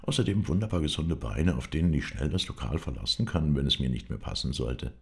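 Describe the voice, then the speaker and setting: Man doing a cool detective with dry wit, gravelly and low. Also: lively intonation, fairly quick, darkish tone, full character voice. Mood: wry. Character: dry, composed Scotland Yard detective.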